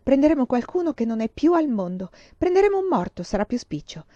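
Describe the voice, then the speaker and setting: A woman giving a young woman friend, scheming, persuasive, eager, dark-toned voice. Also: high-pitched, sing-song, a little fast, no room sound, dull audio, voice pushed up. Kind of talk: audiobook reading of a novel.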